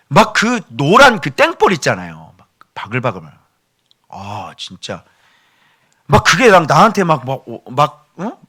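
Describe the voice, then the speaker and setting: Lively, bright-voiced male pastor preaching. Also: on the high side. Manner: animated, joking asides to the congregation. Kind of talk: sermon.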